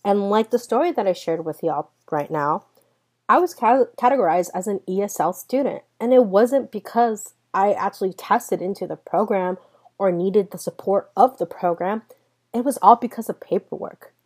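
Speaking straight to her audience, a woman in her twenties who is a native Spanish speaker shares personal stories earnestly on her solo podcast. She has a mid-range, husky voice with a darkish tone and talks at normal speed.

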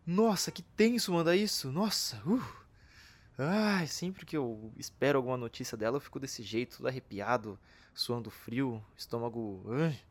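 A man playing a nervous, lovesick detective who rambles excitably and talks to himself in acted comedy-drama dialogue. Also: mid-range voice, normal speed, lightly acted. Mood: anxious, self-mocking. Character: nervous lovesick male detective, awkward, self-doubting, eager.

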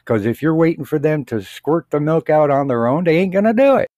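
A man's voice: on the high side, lively intonation, brisk, warm tone, dry recording, studio quality, close to an everyday voice. A man playing a plainspoken old farmer co-hosting a comedy show, blunt and folksy. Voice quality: blunt folksy rural talk. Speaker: co-host. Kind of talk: comedic character banter.

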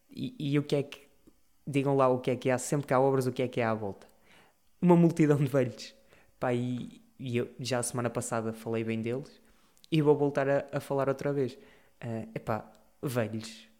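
A man's voice: mid-range voice, darkish tone. A young man with a European Portuguese accent, hosting a casual solo podcast and ranting with exasperation and frequent swearing. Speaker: podcast host.

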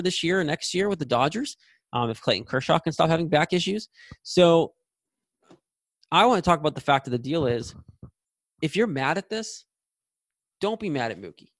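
In casual podcast conversation, a late-twenties male co-host lays out blunt opinions. The sound is close and dry with no echo, and his mid-pitched voice has a fairly bright tone.

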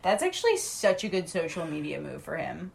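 A young woman co-hosting a podcast, gushing excitably in a casual chat about a TV show. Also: low voice, fairly quick, vocal fry, very noisy. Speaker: podcast co-host.

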